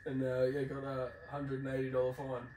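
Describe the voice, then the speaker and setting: A man's voice: mid-range voice, monotone, fairly quick, a little mellow. A man with an Australasian accent chatting casually and telling stories in a blokey, slangy, sweary way. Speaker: podcast host. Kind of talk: casual chat, telling travel anecdotes. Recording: roomy, distant mic, faint background noise.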